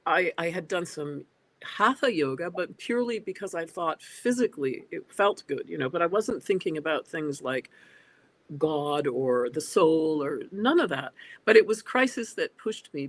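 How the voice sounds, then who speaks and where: A woman's voice: lowish voice, no echo. Woman in her 60s on a video call. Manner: thoughtful, with frequent hesitant fillers. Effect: heard over a video call. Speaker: guest. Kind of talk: reflective interview talk. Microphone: computer on a video call.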